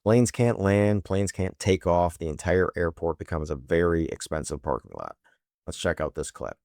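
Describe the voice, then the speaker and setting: This political news commentary host has a low, creaky, somewhat dark voice with lively intonation at a normal speed. The studio recording is clean and echo-free, and he delivers his scripted commentary sarcastically and emphatically, leaning on rhetorical questions.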